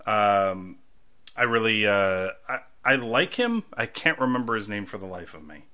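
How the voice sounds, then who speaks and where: Male co-host, low but forceful tone, chatty and rambling, loud bursts when quoting. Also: very animated, moderate pace. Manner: rambling, acts out quotes loudly. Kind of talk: casual chat.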